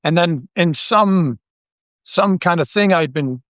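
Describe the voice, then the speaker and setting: A man from Toronto, a writer and creator, talking as a guest in a relaxed interview, thinking aloud with many restarts. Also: fairly high pitch, slow pace, no room sound, studio quality. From Toronto, Canada. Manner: thoughtful, many restarts and stammers. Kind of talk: casual interview chat.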